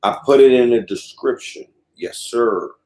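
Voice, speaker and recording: A man's voice: mid-range voice, measured pace, darkish tone, low-quality recording. A man hosting a livestream, talking casually and explaining things to his viewers. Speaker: livestream host.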